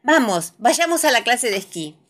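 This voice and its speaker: A woman's voice: on the high side, big pitch swings, moderate pace, fairly bright tone, pitched above the performer's own voice. A woman voicing a worried father pig from a children's storybook. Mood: nervous.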